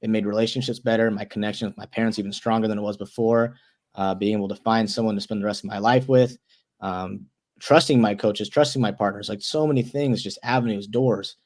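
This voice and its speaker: A young man in his twenties, a wrestler and guest, talking earnestly in a casual interview and tripping over his words when excited. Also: fairly low pitch, brisk. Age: 20s.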